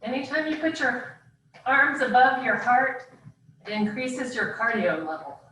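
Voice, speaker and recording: A woman workout coach with a high, bright voice calls out short encouraging commands and countdowns. She sounds far from the microphone in a very echoey room. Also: a little slow. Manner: short imperative cues, encouraging. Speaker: fitness instructor leading a workout class. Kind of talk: live group workout coaching, cueing and counting down. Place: indoors, live video call class. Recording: echoey room, far from mic, faint noise.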